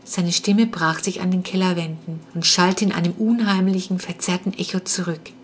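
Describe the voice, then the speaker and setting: A woman's voice: lowish voice, fairly even intonation, normal speed. A woman reading a children's adventure audiobook as the narrator, in a suspenseful storytelling manner. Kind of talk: scripted narration.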